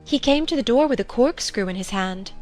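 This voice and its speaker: Woman acting dithering storybook queen, timid, muddled, nervous rambling, fairly high voice, faint music. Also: expressive, brisk, darkish tone, lightly acted. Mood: rambling, flustered. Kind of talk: dramatized audiobook acting.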